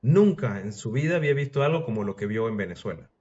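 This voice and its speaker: A man's voice: fairly low pitch, animated, fast talker, a little mellow, slight background noise. A man casually retelling a historical story in a loose, chatty way, now and then acting out quotes. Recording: dull lo-fi sound.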